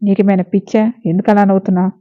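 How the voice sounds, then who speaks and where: A short-tempered young man who snaps and scolds, voiced by a woman storyteller. His delivery is flat and clipped. The recording sounds narrow, like a phone line. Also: mid-range voice, rapid-fire, lightly acted. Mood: irritated. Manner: curt, scolding.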